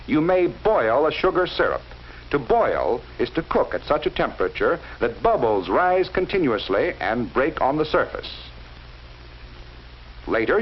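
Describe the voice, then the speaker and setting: This is scripted narration from a 1940s instructional film, where a man calmly explains things while addressing the viewer head-on. His intonation moves up and down a lot, and the recording sounds muffled and low-fidelity with light hiss.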